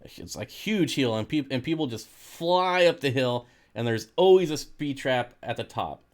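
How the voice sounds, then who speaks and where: This American livestream host goes through viewer comments and answers them with an easygoing, joking manner. His voice is mid-range with a darkish tone, animated, and delivered at a normal speed.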